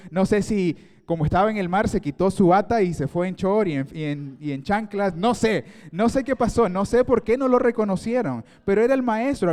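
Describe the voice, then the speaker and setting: Man, sermon, emphatic, repetitive, high-pitched, reverberant church hall. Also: dark tone. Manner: emphatic, repetitive, rhetorical questions. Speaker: preacher giving a leadership talk.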